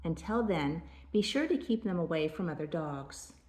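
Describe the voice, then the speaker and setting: A woman's voice: sits low, lively intonation, darkish tone. Echoey older woman, grandma storytelling voice. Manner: grandma voice, measured storytelling delivery. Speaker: grandmother reading aloud. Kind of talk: read-aloud children's storybook narration.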